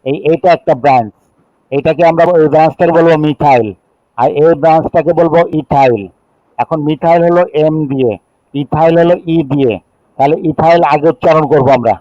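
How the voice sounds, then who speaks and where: A middle-aged male teacher with a Bangladeshi accent and a slightly high speaking voice explains chemistry step by step. He counts aloud and checks in with his students. The recording is dry and dull, with a lo-fi tone. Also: dark tone, dry recording. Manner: reads rules slowly in English, then explains in Bengali, counting aloud. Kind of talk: classroom lecture.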